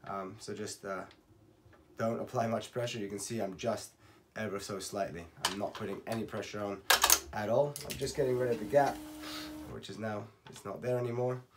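A man in his thirties, slightly hoarse from losing his voice, calmly talking through a how-to tutorial step by step and counting aloud. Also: fairly low pitch, moderate pace, noisy background. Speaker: racket stringing instructor. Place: home workshop at night. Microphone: camera on a tripod.

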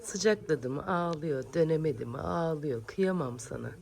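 A woman in her thirties vlogging at home, talking to viewers and in gentle baby talk to her daughter. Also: low-pitched, moderate pace, gravelly. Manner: soft baby talk to her daughter, whispering while the child sleeps. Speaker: vlogger and mother. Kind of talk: casual home vlog chat.

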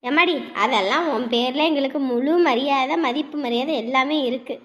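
A woman's voice: high-pitched, normal speed, natural voice. An actress playing an outspoken older woman of the family who teases bluntly. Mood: teasing. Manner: blunt, teasing.

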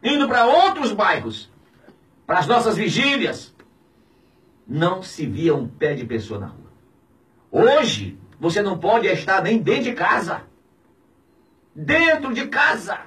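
A Brazilian pastor in his fifties delivers impassioned radio commentary in a small studio, preaching indignantly and swinging between shouts and low, heavy words. He's very animated, a little slow, and pauses at length. He speaks with a Brazilian Portuguese accent into a boom-mounted studio mic, recorded and filmed from a distance.

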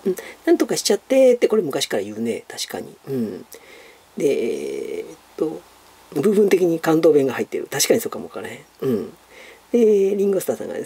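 A man with a Kansai accent rambles through viewer questions in a loose, chatty monologue. His voice is dark and gravelly with a raspy edge, and his pitch swings widely as he talks. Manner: chatty, rambling, many fillers, calls himself by nickname. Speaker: YouTuber answering viewer questions. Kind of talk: casual Q&A monologue.

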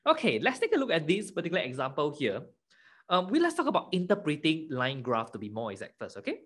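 A man's voice: fairly high pitch, wildly swooping pitch, quick pace, a bit bright. A young man tutoring children in maths online in the manner of a kids' show host, often prompting them with questions. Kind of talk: interactive lesson for children.

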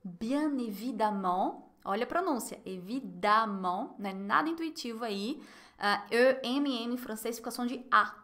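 A woman with a Brazilian Portuguese accent giving a live online French lesson, explaining phrases and slowly modeling pronunciation. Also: fairly high pitch, fairly bright tone. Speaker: French teacher.

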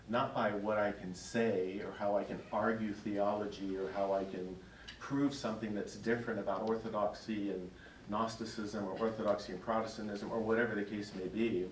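A man's voice: on the low side, slight background noise. A middle-aged man, a priest, telling a story to his parish in a conversational, chuckling way. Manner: conversational, chuckling as he tells stories. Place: church hall in front of an audience. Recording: echoey hall, distant mic.

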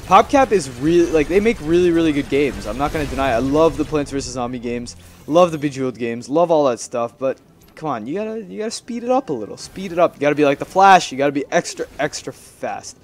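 Talking fairly quickly in a voice on the high side, a young man hosts a gaming video. His gameplay commentary is casual, rambling and chatty, and he likes to playfully repeat his phrases.

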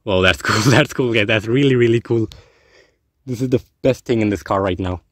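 Excited young man vlogging in a car. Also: lowish voice, moderate pace, no echo. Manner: chatty, says guys constantly, excited. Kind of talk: casual vlog narration. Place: inside a parked car under a blanket fort. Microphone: handheld phone camera.

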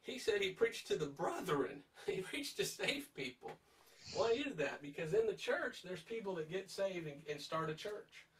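A man's voice: sits high, sing-song, moderate pace, fairly bright tone, recorded from a distance, low-quality recording. Emphatic man preaching, a bit off-mic. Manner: emphatic, urging, asks listeners direct questions. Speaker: Bible teacher. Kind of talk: verse-by-verse Bible study.

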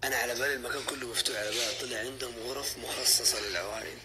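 A man's voice: medium pitch, steady tone, racing, heavy background noise. A man vlogging a restaurant visit, teasing and joking with a friend. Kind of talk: casual vlog chat.

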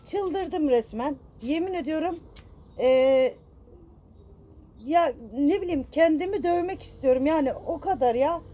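A woman vlogger with a high, mellow voice speaks at normal speed with long pauses. Distressed and blaming herself, she offers her viewers a casual, rambling apology full of fillers while staying affectionate toward them.

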